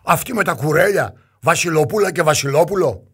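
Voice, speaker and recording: A man's voice: low-pitched, very animated, creaky, darkish tone, breathy edge, pitched below the performer's own voice, exaggerated voice. A man doing a greedy, scornful rich ruler.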